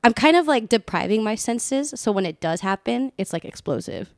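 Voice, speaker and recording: A woman's voice: on the high side, animated, moderate pace, dry recording, clean studio sound. A young adult woman co-hosting a podcast in casual chat, candid and playful, dropping Spanish words into her English. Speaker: podcast co-host.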